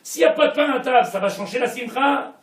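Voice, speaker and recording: A man with a French Israeli accent giving a Torah class, swinging between soft asides and shouted points, mixing in Hebrew phrases. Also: very high-pitched, fast talker. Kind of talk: sermon. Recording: echoey room, mic at a distance.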